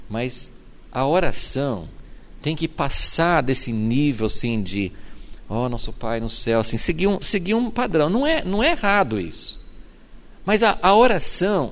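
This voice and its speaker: A male pastor giving a sermon, expressive, moving between hushed reflection and emphatic passages. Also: a little high, moderate pace.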